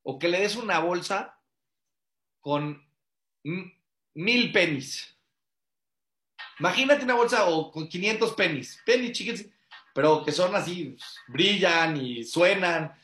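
A man's voice: high-pitched, lively intonation, measured pace, pauses often, fairly bright tone, echoey room. A man, a father and rabbi, teaching a religious class in an earnest, conversational way, repeating phrases for emphasis and asking many rhetorical questions. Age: adult father.

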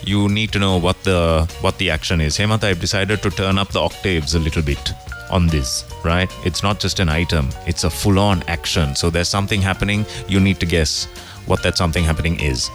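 A man's voice: low-pitched, fairly quick. A man hosting a breakfast radio show, joking and playful in casual chat. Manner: jokey, playful, teasing. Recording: music playing under the voice. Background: music.

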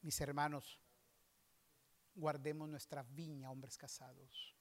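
A male pastor preaching a sermon, moving between soft asides and loud outbursts. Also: a little high, little pitch movement, takes it slowly.

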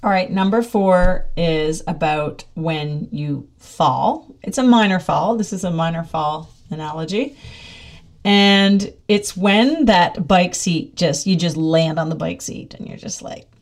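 A woman's voice: lowish voice, slow pace. A middle-aged woman talking casually in a monologue, upbeat and chatty, often laughing as she speaks.

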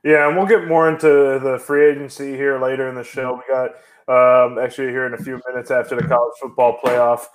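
A young man co-hosting a casual sports podcast, excitable and quick to laugh, sometimes bursting into shouts. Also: mid-range voice. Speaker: podcast co-host.

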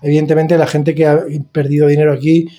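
Male podcast host, slightly high, mellow tone, rambling and hesitant delivery. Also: level tone, fast, lo-fi sound. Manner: chatty, hesitant, many fillers and restarts. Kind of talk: casual podcast chat.

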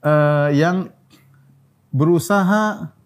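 A man preaching a sermon. He tells jokes and laughs, drawls Arabic phrases slowly, and pushes his voice high and loud when he urges his listeners. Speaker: Islamic preacher.

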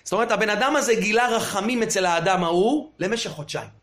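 Man, rabbi, sermon, high pitch, rhetorical questions, acts out quoted dialogue. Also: fairly bright tone, echoey room. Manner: storytelling with parables and rhetorical questions. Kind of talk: Torah sermon.

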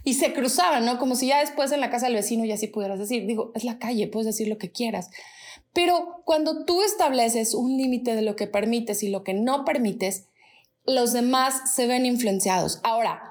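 Woman hosting an advice podcast, high voice. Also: normal speed. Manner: warm conversational, acts out quoted voices. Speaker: podcast host. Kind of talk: casual advice talk.

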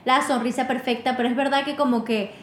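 A young woman in a casual chat, agreeable and quick to affirm. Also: high-pitched, steady tone, a bit bright, a little hiss or hum. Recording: echoey room.

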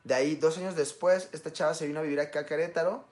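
A young Mexican man with a Mexican Spanish accent giving a casual motivational talk, talking fast and often checking in with the listener. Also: a little high, fairly even intonation, darkish tone. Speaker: self-help speaker.

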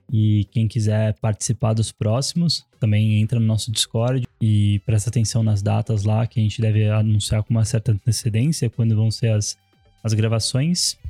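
Mellow-voiced Brazilian man in casual podcast chat. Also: fairly low pitch, no echo. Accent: Brazilian Portuguese. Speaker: podcast co-host.

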